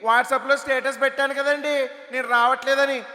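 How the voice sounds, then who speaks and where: A man's voice: very high voice, little pitch movement, normal speed, pushed and bright, pitched above the performer's own voice, heavily acted. A man voicing a naive, cheeky housemaid who answers her employer innocently. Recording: echoey hall over stage PA.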